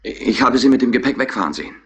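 A man's voice: mid-range voice, expressive, quick pace, a bit bright. A man playing a sullen, defiant young petty burglar in a 1960s radio crime drama, giving impatient answers. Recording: old radio play with faint hiss.

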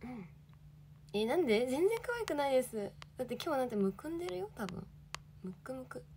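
A woman's voice: sits high, very animated, fairly quick, noisy background. A young woman in her twenties, an idol livestreaming, chatting casually and reading viewer comments with giggly, bubbly energy.

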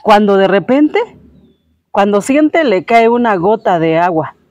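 A woman's voice: mid-range voice, big pitch swings, unhurried, darkish tone, no room sound, dull audio. Woman retelling a fairy tale. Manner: homely, filler-heavy retelling. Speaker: host retelling a story. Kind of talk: casual storytelling.

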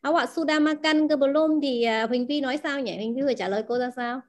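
A woman teaches a language class in a high voice, talking fast. She is a first-language Vietnamese speaker who explains words, frequently questions the class and repeats key words.

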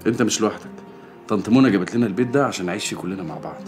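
An actor playing a tender father gently comforting his young daughter, with an Egyptian accent. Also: fairly low pitch, rapid-fire, faint music behind, natural voice. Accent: Egyptian Arabic. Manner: gentle, soothing.

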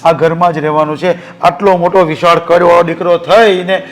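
A man's voice: a little high, flat delivery, moderate pace, natural voice. An actor playing a grown son who earnestly reassures his elderly mother. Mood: reassuring.

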